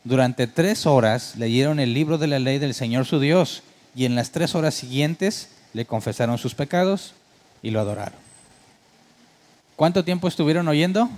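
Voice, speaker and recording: A man's voice: mid-range voice, a little mellow. A male pastor preaching a sermon, talking in a conversational way and often asking his congregation rhetorical questions. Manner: mimics worship keyboard sounds for comic effect.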